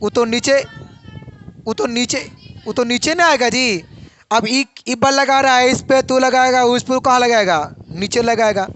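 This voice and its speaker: High-voiced man teaching a physics lesson. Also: measured pace, a bit bright, a little hiss or hum. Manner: asks questions and answers them himself.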